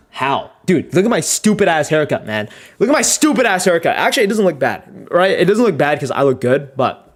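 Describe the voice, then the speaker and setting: A young man with a very animated voice, speaking a little fast, chats on a livestream while editing. His talk is rambling and self-mocking, sprinkled with casual swearing and plenty of laughs, and he gets louder and higher when he tells stories.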